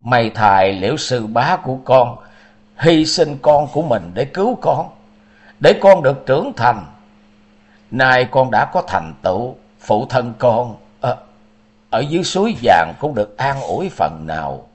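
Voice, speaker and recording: A man's voice: medium pitch, very animated, measured pace, darkish tone. A man voicing a grieving noble mother. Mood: grave. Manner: choked, sorrowful. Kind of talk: storybook narration.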